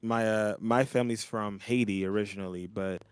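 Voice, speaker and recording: Speaking at a moderate pace, a man from Montreal, Canada has a lowish, clean voice with fairly even intonation and no echo. He's a DJ and podcast co-host in casual chat over a video call at home, where a child plays nearby, and he's laid-back, rambling and loose, using many fillers.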